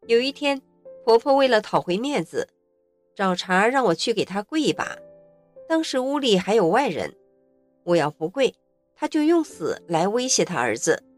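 A woman narrating her own life story in an earnest, expressive way. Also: medium pitch. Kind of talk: first-person story narration.

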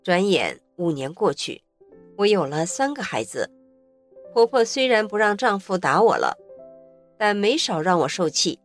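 A woman narrating her own life story in an earnest, expressive way. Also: mid-range voice, measured pace, faint music behind. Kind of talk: first-person story narration.

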